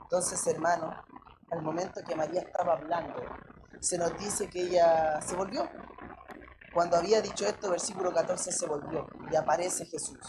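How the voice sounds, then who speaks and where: A woman's voice: lowish voice, steady tone, moderate pace, noisy background. A woman with a Chilean accent preaching a sermon, speaking emphatically, asking many rhetorical questions and often turning to her listeners as brother.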